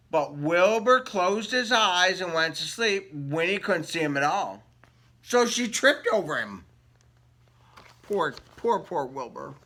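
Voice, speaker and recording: This children's story reader has a pushed, bright voice on the high side. He reads a picture book aloud with animation and playfulness, breaking off to ask the kids questions.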